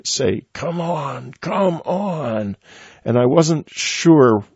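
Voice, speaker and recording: Older male host, low-voiced, recounts a personal experience slowly with restarts; dull, dry lo-fi recording. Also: creaky, a little mellow, husky, no echo. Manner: halting, reflective, with many restarts. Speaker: radio host. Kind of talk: first-person storytelling interview.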